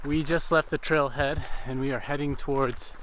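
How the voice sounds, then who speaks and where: A man's voice: medium pitch, fairly even intonation, moderate pace, a bit bright, a little hiss or hum. A man hosting a casual hiking vlog outdoors on a mountain trail, chatty and out of breath from the climb. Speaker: host, photographer.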